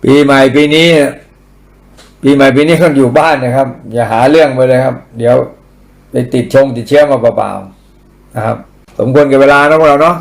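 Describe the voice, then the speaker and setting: A man's voice: mid-range voice, vocal fry. A man giving blunt, profane political commentary in casual rant style, mocking and crude.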